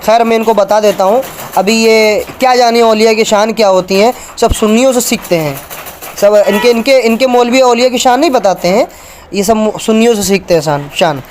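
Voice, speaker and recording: Casting: high-pitched man, polemical preacher reading from books, faint room hiss. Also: fairly quick, darkish tone. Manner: argumentative, points at book pages for viewers. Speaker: religious speaker.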